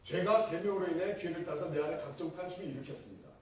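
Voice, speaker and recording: A high-pitched man gives a chatty teaching sermon, full of restarts and fillers. He sometimes acts out stern scolding lines. His voice rings in a very echoey room, picked up from some distance away from the mic. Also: fast. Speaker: pastor.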